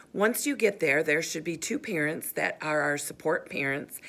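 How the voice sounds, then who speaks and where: A middle-aged woman teacher giving a slow, careful briefing to parent volunteers, pausing often as she explains. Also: low voice, vocal fry, a bit bright. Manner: slow, careful and instructive, with frequent pauses.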